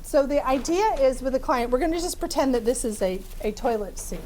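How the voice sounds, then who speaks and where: Leading a live training demo for a small roomful of people, this woman therapist has a big, high voice and talks fairly quickly. She's chatty and lively, laughs often, and fills her speech with fillers, with a little hiss or hum in the background.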